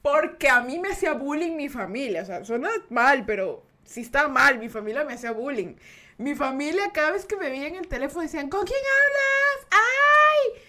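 Her voice sits high and sounds expressive, pushed and bright, moving fairly quickly. This young podcast host, with an Ecuadorian Spanish accent, shares a story confessionally and casually, animatedly giggling, starting sentences over and imitating others' voices.

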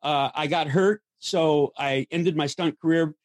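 Older man telling lively show-business stories. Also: a little high, a little slow, no room sound. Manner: lively storyteller, acts out quoted voices, frequent restarts. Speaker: guest, former stuntman. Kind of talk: anecdotal storytelling.

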